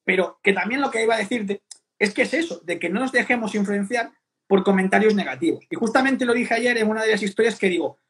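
A young fitness coach from Spain talks bluntly in casual slang on a podcast, often acting out what other people said. His voice sits high and fairly bright, and he speaks fast.

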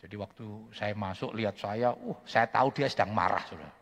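A man's voice: lowish voice, brisk, vocal fry, big-room sound. A man preaching a sermon, telling stories animatedly and often addressing his listeners directly. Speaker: pastor.

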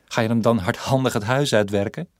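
A man's voice: medium pitch, fairly quick, dry recording, studio quality, pitched above the performer's own voice, lightly acted. A man voicing an adult wife who answers in terse, defiant, clipped lines in a spoken story.

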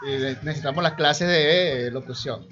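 A man's voice: on the high side, moderate pace. A man hosting a radio show in casual chat. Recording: slightly dull sound, faint music.

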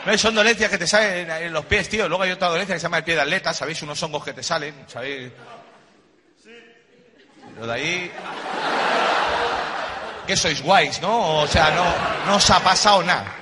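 A middle-aged man performs a stand-up routine on stage, his voice sitting a little high. He tosses slang at the audience and banters back at them. A loud crowd laughs behind him, and the live recording carries plenty of noise. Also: normal speed, long pauses. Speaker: stand-up comedian. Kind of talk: stand-up comedy monologue.

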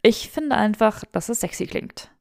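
A woman's voice: mid-range voice, animated, normal speed, creaky, dry recording, clean studio sound. A woman voicing a mischievous young wizard who talks in a teasing, showy, mock-indignant way.

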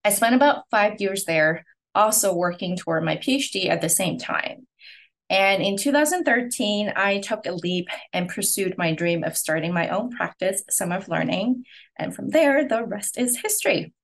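A woman in her forties from Hong Kong, a podcast guest telling her career story with earnest, steady answers and frequent pauses. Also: medium pitch. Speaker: podcast guest, clinic owner. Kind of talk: conversational interview answers.

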